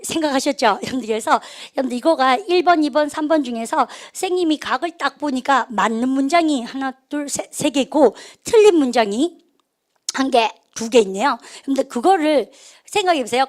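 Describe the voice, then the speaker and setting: A woman teaching an English grammar lecture, coaxing students to repeat phrases after her and asking little tag questions. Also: sits high. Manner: mixes in playful tag questions.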